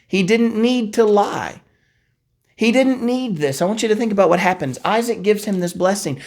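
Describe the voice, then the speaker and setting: A man with a fairly high-pitched voice leads a relaxed Bible study as a pastor. He reads passages aloud, trips over a word now and then, and turns to his listeners with questions. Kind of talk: conversational Bible teaching.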